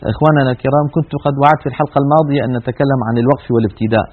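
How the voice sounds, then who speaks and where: A man's voice: mid-range voice, very fast. A man teaching a broadcast lesson on Quran recitation, explaining vowel sounds and demonstrating them by drawing them out. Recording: tinny phone-like broadcast audio.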